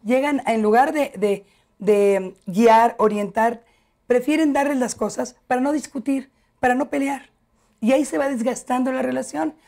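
A middle-aged woman, a family education expert, explains things patiently as a guest on a TV talk show, warm and didactic, calling the host by name. Her voice sits high and is gravelly, with a moderate pace.

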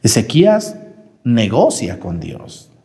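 A priest giving a homily in a lively, conversational way, his voice swinging up and down as he addresses the congregation. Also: medium pitch, slow pace, big-room sound. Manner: lively, conversational preaching with sudden rises and drops.

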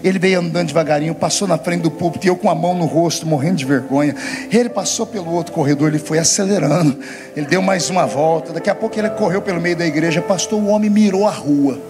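A man's voice: fairly high pitch, fast talker, over music, natural voice. A man doing an earnest Minas Gerais country man.

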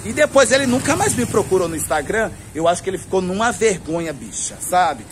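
Out on a street with background noise, a Brazilian man vlogging to camera tells a story in a flamboyant, gossipy style, laughing often. His high voice is sing-song and brisk.

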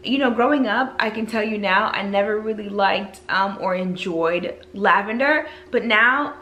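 A woman's voice: mid-range voice, moderate pace, bright, forceful tone, lo-fi sound, slight background noise. A young woman in her twenties, showing off and gushing over candles in a casual home haul video. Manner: gushing, enthusiastic. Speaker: beauty vlogger. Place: living room at home.

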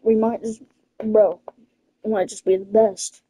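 A woman's voice: mid-range voice, level tone, a little slow, warm tone, slight background noise, low-quality recording. A woman in loose, slangy chat while playing a football video game with a friend. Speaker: gamer. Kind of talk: casual gaming chat.

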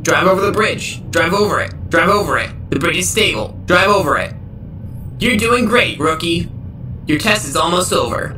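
A man's voice: sits high, lively intonation, normal speed, pushed and bright. Young male cartoon hedgehog, voiced by a man: perky, cocky instructor for a horror parody, echoey and distant. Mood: upbeat, insistent. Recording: roomy, distant sound under music. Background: music.

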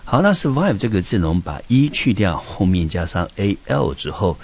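Low-voiced male English teacher, patient. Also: sing-song, fairly quick, breathy edge. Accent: Taiwanese Mandarin. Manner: patient, step-by-step explanation with frequent "好" and rhetorical questions. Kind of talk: vocabulary lesson explaining words and example sentences.

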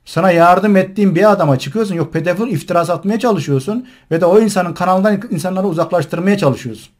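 A man's voice: high voice, fast talker. A male online host mocking and scolding someone while commenting on a recording he plays. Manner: mocking, scornful and indignant.

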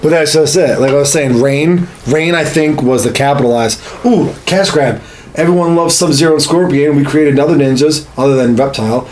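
This co-host, a man in his thirties, speaks at a moderate pace in a higher, slightly mellow voice, with a little hiss or hum on the recording. He argues his case about video games insistently and with plenty of profanity in a casual podcast chat. The echo of a small indoor home studio is audible.

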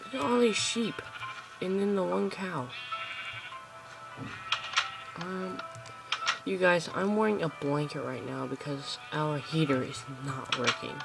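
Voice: medium pitch, a little slow, gravelly, loud music behind the voice, low-quality recording. A gameplay host chatting casually to viewers while playing, recorded on a phone aimed at a screen at home. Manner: chatty, rambling, talks to viewers. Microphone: phone camera pointed at a screen.

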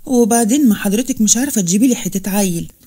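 Woman reading as an icy rich man with an Egyptian Arabic accent, quick and dismissive, in a storybook reading. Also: medium pitch, lively intonation, warm tone, breathy edge. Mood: cold. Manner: cool and dismissive. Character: cold, scheming rich young man.

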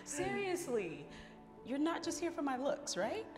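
A woman's voice: high voice, big pitch swings, measured pace, long reverb tail, over loud music. An actress playing an earnest young newlywed wife who pleads with her husband. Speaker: wife in a skit.

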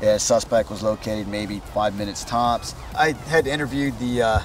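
A middle-aged male police officer recounting an incident to camera in formal, halting police wording, outdoors. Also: on the low side, fairly even intonation, recorded from a distance, slight background noise. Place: outdoors at night by a patrol car.

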